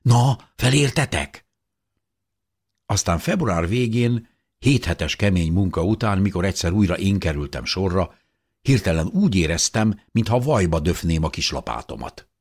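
Low, husky male audiobook narrator. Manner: expressive, rising with tension. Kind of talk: first-person audiobook narration.

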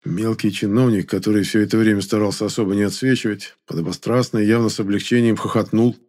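A man narrating an audiobook in a measured, expressive way. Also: lowish voice. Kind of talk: scripted narration.

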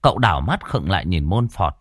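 Male horror storyteller, low voice, animated delivery, earthy and colloquial, dry close read. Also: brisk, husky, dry recording. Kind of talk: dramatic horror story narration.

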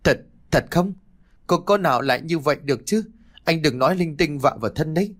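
A man narrating a ghost story, voicing a doubting neighbor who fires off hurried questions that sound almost like shouting. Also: on the high side, lively intonation, pitched above the performer's own voice. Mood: disbelieving. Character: doubting neighbor, sharp and scolding.

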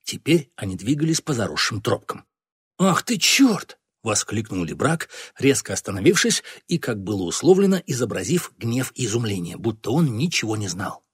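Husky man reading a story aloud. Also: lowish voice, fairly quick, hardly any pauses, dry recording, studio quality. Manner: expressive narration.

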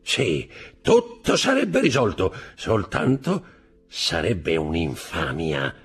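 Guy doing a drunk slow guy at the tavern, drawly and slurry, in a classic storybook reading. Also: low-pitched, huge pitch swings, husky, exaggerated voice. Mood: tipsy. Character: drunken, slow-witted male tavern companion.

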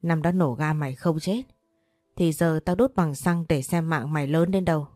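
A woman's voice: low-pitched, moderate pace, warm tone, dry recording, clean studio sound, soft background music, close to an everyday voice. A woman voicing a spiteful, cruel young aunt who talks in harsh, contemptuous threats in an audio story. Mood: sneering threats.

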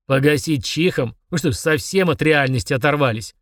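A man voicing a haughty, short-tempered male demon lord who roars and sneers at mortals in a slow, booming manner. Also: a bit bright, no echo, natural voice. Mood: scornful. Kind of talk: audiobook character voice.

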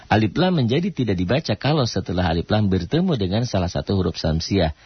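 A man's voice: on the low side, sing-song, fast, breathy edge. A man hosting a call-in radio tajwid lesson. He asks questions and answers them himself, and draws out chanted recitation examples. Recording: lo-fi radio broadcast.

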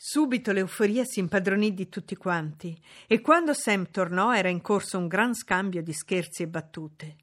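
A woman reading a novel aloud as an audiobook narrator, in a measured, expressive way. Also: medium pitch.

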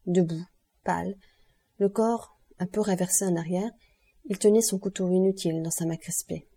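Casting: woman audiobook narrator, low, mellow, slightly husky voice. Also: steady tone, normal speed. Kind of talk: scripted narration.

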